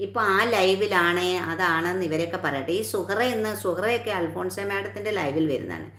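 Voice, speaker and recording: A woman's voice: fairly low pitch, brisk, fairly bright tone, roomy sound. Chatty woman hosting a livestream. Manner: chatty, reads out viewer comments and greets them by name. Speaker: live-stream vlogger. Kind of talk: casual live-stream chat, greeting viewers.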